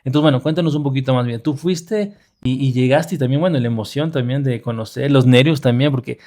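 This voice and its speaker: A man's voice: medium pitch, fairly quick, a little mellow. A man co-hosting a podcast, casually prompting his co-host with questions. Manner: prompting questions, thinks aloud with restarts. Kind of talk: casual chat.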